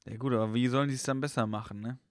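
A young man on a casual podcast, an animated storyteller who acts out quoted dialogue. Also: mid-range voice, rapid-fire, dry recording, studio quality. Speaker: podcast co-host and comedian.

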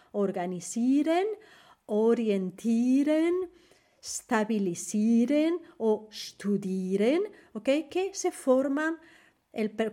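A woman hosting a podcast language lesson. She spells out words and repeats example phrases slowly and carefully. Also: fairly high pitch, a little mellow. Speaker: language teacher, podcast host.

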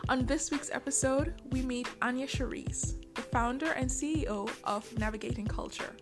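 Higher-voiced woman hosting a podcast. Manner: warm and encouraging, with quick affirming mm-hmms. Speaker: podcast host. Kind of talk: podcast intro and interview. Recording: faint music under the voice.

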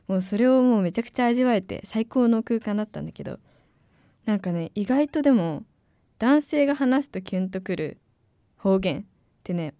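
Young woman student host, casual chatty radio talk, medium pitch, dry studio mic. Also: no room sound. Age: young adult. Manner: chatty, excitable, informal.

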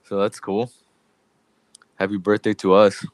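A podcast co-host jokes around in casual chat, loose, congested and laughing often. His voice is on the low side, with a flat, unhurried delivery, captured in a dry recording.

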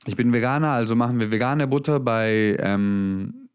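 A man's voice: mid-range voice, normal speed, smooth. A young man delivering a motivational monologue, talking straight at his listener. He is blunt and emphatic, swears often, and slips English words into his speech. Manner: emphatic, addresses listener directly. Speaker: motivational speaker.

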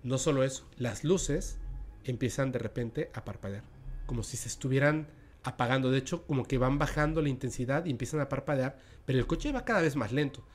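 A Mexican man tells an eerie tale in a relaxed podcast chat, with a dramatic, conversational delivery that leans into the suspense. His voice sits in an ordinary middle range. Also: medium pitch, a little fast, faint music behind. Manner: dramatic, drops to a hushed voice at tense moments. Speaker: podcast host and storyteller. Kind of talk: casual spooky storytelling.

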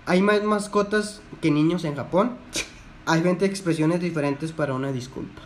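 A man's voice: a little high, moderate pace, slight background noise. A young man with a Mexican accent who reads quiz questions aloud and teases his friend about the answers. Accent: Mexican Spanish. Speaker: quiz reader. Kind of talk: casual chat.

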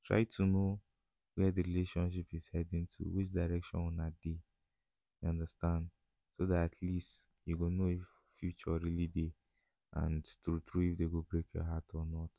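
Deep-voiced Nigerian man slipping into Pidgin. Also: flat delivery, moderate pace, creaky, dark tone, no echo. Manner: slips often into West African Pidgin; informal, slangy, conversational. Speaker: podcast host. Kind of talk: casual solo podcast chat.

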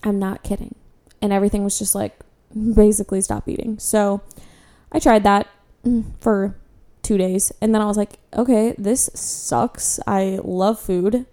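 A woman's voice: medium pitch, little pitch movement, moderate pace, dark tone. A young woman in her twenties casually telling her own story in a candid, self-deprecating way, with lots of "like" fillers. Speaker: vlogger.

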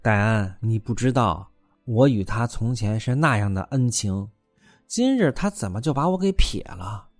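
A man's voice: fairly low pitch, animated, moderate pace, no room sound, close to an everyday voice. Guy doing a jealous young concubine, snappy and scolding, dry close sound, faint music behind. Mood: pleading. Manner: sharp, scolding, pleading. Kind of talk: storyteller voicing a character.

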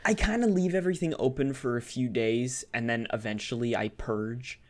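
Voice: medium pitch, normal speed, a little mellow. A co-host on a casual online chat show, talking in an easygoing way. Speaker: podcast co-host. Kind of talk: casual chat over voice call.

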